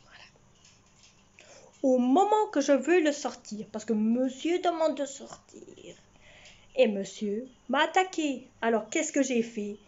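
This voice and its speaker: A woman in her sixties, talking to her camera at home with a high voice and an unhurried pace. She rambles along, circling back and repeating herself. The sound is a bit muffled, like a home video. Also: animated, a little mellow. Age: 60s. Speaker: vlogger. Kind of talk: casual chat to camera. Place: at home, indoors. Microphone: camera in front of her.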